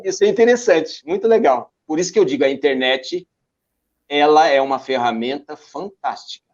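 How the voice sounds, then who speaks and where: An older Brazilian man with a fairly high voice speaks over a dull, lo-fi video call line. He tells his travel stories with enthusiasm and keeps asking himself rhetorical questions before he answers them. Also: normal speed. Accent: Brazilian Portuguese. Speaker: interview guest, backpacker and teacher.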